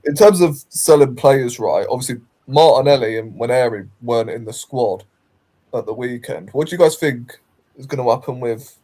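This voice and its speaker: A man's voice: medium pitch, moderate pace, dark tone, low-quality recording. A man hosting an online football panel, asking questions in a hesitant, repeating way. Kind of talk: casual football chat.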